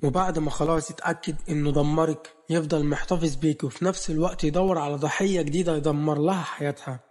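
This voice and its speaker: A man with an Egyptian accent narrating an audio novel in a brisk, direct manner. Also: a little high, steady tone, a little mellow, long reverb tail. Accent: Egyptian Arabic.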